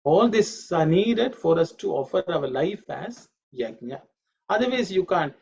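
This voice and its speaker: Male Sanskrit teacher, gravelly and slightly raised voice, patient drilling, dull lo-fi line. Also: sits high, big pitch swings, a little mellow. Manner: patient, repeats pronunciations slowly. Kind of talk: online class lecture. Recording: dull lo-fi audio.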